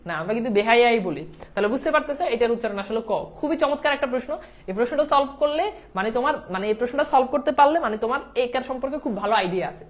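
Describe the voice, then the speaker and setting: Quick high-voiced woman teaching. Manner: asks rhetorical questions and answers them herself. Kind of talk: online exam-prep lesson.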